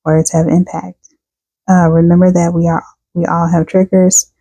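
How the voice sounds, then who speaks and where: A woman's voice: on the low side, flat delivery, moderate pace, mellow, no room sound, low-quality recording. A woman doing a casual tarot reading for her viewers, chatting and reading card texts aloud, tired and yawning. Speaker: tarot reader.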